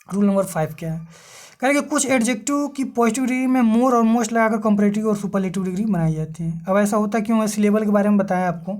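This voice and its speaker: A woman's voice: mid-range voice, darkish tone. Lady teacher doing an exam-prep grammar class online, asks herself questions then answers, spells words out letter by letter.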